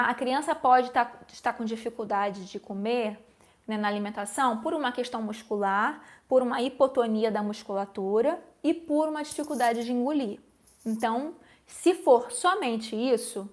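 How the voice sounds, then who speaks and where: Brief: speech therapist, female, fairly high voice, patient live-stream Q&A explainer. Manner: explanatory, keeps checking in with listeners.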